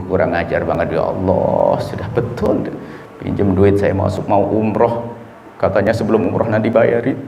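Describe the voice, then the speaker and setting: A man from Indonesia preaching a lively sermon, acting out the people he quotes and swinging between low murmurs and high exclamations. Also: a little hiss or hum. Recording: roomy hall echo, faint ambience.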